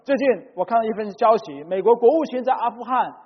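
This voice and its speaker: A man preaching a sermon in short phrases, pausing for an interpreter. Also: very high voice, lively intonation, breathy edge. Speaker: pastor. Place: church hall. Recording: dull recording in a reverberant hall.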